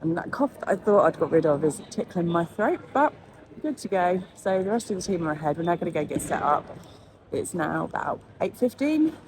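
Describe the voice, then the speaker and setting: Speaking a little fast over a noisy background, this low-ish female voice is very animated. She's an English vlogger and nail educator giving chatty, upbeat, casual narration of her trade show trip, and she sounds stuffy and a bit bunged up.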